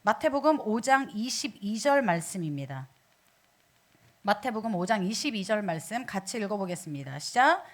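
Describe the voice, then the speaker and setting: A woman's voice: mid-range voice, moderate pace. A woman preaching a sermon in a church, asking the congregation questions as she goes. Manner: animated, asks the congregation questions.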